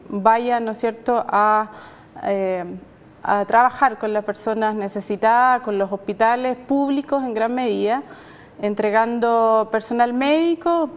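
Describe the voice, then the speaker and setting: A middle-aged Chilean woman with a somewhat high voice speaks hesitantly, with frequent filler sounds and tag questions. Her voice carries a long studio reverb. She talks as a guest on a faith program. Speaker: nurse and guest. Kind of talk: faith TV conversation and prayer.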